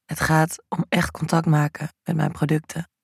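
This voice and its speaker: A man playing a stoic, low-voiced chef. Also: monotone, normal speed, creaky, husky, no echo, studio quality, exaggerated voice. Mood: seductive. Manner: terse, low, murmured. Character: calm, stoic male chef, low and husky.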